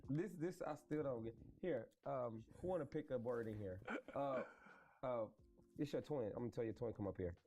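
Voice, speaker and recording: A man's voice: medium pitch, moderate pace, mellow, soft background music. A man hosting a casual chat, playful and slangy, joking with his guest. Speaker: host.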